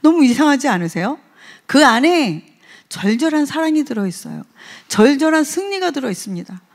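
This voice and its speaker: A woman's voice: sits high, big pitch swings, a little fast. A woman preaching a sermon in a conversational way, often putting questions to the congregation.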